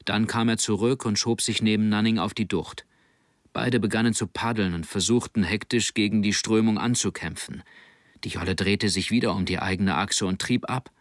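A man narrating an audiobook in a steady, measured reading. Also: fairly low pitch, dry recording, studio quality. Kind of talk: scripted narration.

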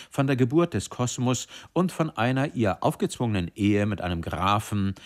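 A male announcer giving a plain, even scripted summary of a story. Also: lowish voice.

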